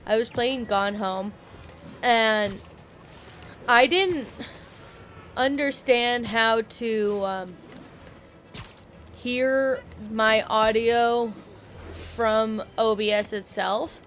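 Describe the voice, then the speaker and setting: A woman's voice: fairly high pitch, very slow, long pauses, a bit bright, slight background noise. A woman streamer giving casual gameplay commentary, rambling with many fillers and self-corrections, sometimes drifting away from the mic. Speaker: gaming streamer. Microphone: headset or desk mic, at times far from it.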